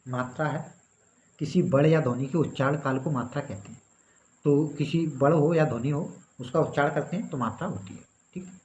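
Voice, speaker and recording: A man's voice: a little high, fairly quick, darkish tone. Man teaching a step-by-step grammar lesson. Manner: explains step by step, often checking in with "ठीक है". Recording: slightly dull recording with faint background noise.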